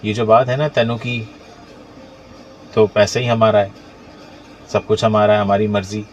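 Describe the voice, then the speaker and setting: Low-voiced male radio host, slightly muffled. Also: little pitch movement, a little hiss or hum. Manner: conversational, asks questions with many affirming interjections. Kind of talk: radio talk show interview.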